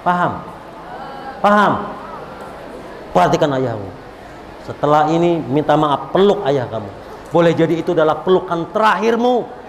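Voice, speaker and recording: A male preacher, preaching a lively sermon and calling out to the crowd. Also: a little high, normal speed, pauses often. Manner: animated, repetitive, calls out to the crowd. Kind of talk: religious sermon at a gathering. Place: large hall at a religious event. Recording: echoey hall, faint background noise.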